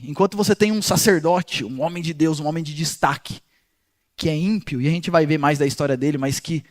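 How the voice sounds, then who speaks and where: A man teaching a Bible passage in an animated storytelling way, talking directly to his listeners. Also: fairly high pitch. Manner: speaks directly to listeners as "gente". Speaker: pastor teaching a Bible study.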